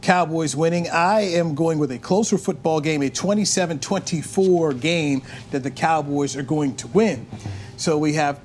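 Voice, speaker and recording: A man's voice: on the high side, moderate pace, a little mellow, slight background noise. An American man hosting a sports radio show with casual chat.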